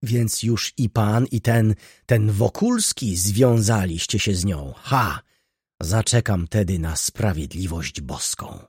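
A man's voice: fairly low pitch, expressive, unhurried, darkish tone, slightly rough, no echo, clean studio sound, heavily acted. A man reading an audiobook, voicing a hysterical, self-righteous aristocratic baroness with melodramatic, indignant outbursts. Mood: wailing.

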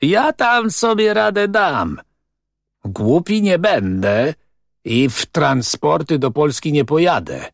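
A man's voice: medium pitch, very animated, slow, dry recording, clean studio sound, heavily acted. A man reading as a cocky, scornful young man who talks in a brash, dismissive way.

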